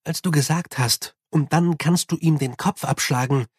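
Man doing earnest young monk, questioning, slightly raised voice, husky edge, dry. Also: fairly high pitch, moderate pace, dry recording. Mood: uneasy.

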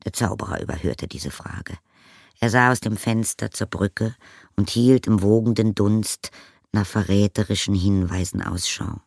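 Brief: male audiobook narrator, low and gravelly, unhurried, dry close recording. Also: no room sound. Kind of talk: scripted narration.

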